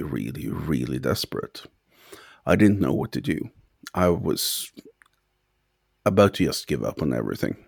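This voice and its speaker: A man's voice: very deep voice, creaky, husky, dry recording, clean studio sound. A young man casually telling a personal story as a guest, rambling and hesitant with many fillers.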